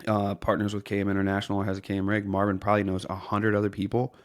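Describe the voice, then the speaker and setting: A man's voice: on the low side, monotone, rapid-fire, no echo, studio quality. A male podcast host chatting casually, blunt and frank, who swears in passing.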